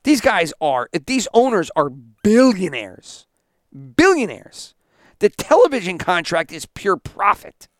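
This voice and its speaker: A man's voice: high-pitched, fairly bright tone, dry recording, studio quality. A man hosting a sports podcast, ranting indignantly and sarcastically, with plenty of swearing. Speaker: podcast host.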